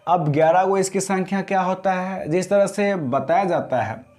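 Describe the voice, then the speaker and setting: Rich: A man with a slightly high-pitched voice, teaching a grammar lesson. He explains step by step and keeps checking that the class is following. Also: darkish tone. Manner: explains slowly, repeats "समझ गए ना?" to check understanding.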